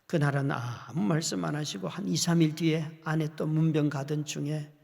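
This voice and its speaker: Gravelly middle-aged male pastor preaching. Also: on the high side, steady tone, moderate pace. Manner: emotional storytelling, swings from hushed whispers to loud exhortation. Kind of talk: sermon. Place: church sanctuary. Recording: long hall reverb in a church.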